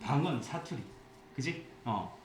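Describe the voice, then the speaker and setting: A man teaching an English class with a Gyeongsang accent, explaining passages and telling jokey anecdotes in a lively way. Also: mid-range voice, a little slow. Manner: lively, jokey storytelling, mixes English phrases into Korean. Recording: echoey classroom with faint hiss.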